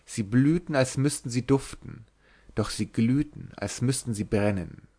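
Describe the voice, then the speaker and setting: A man reading a literary novel aloud as an audiobook narrator, measured and expressive. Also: mid-range voice.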